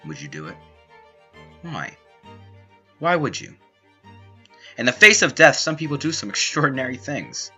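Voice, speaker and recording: A young man reading a scripted documentary narration in an earnest, dramatic way, with slow emphatic phrasing. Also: mid-range voice, big pitch swings, pushed and bright, husky, soft background music. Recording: dull lo-fi home mic.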